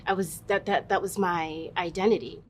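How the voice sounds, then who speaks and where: A woman's voice: steady tone, normal speed. A woman telling personal stories as an interviewee in a thoughtful, conversational way. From Massachusetts, US, West African parents. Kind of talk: reflective personal storytelling. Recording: noticeable background noise, low rumble.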